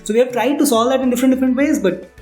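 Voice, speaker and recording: This startup founder, a man with an Indian accent, talks rapid-fire in an extremely high-pitched, darkish voice with fairly even intonation. He candidly explains his answers to interview questions and repeats phrases for emphasis, over a roomy echo and background music.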